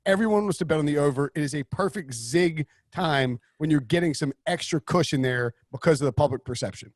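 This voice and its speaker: Guy hosting a football betting podcast, talks fast and rambles, restarts a lot, dry room. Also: on the high side, dry recording. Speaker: podcast host. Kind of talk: casual sports betting talk.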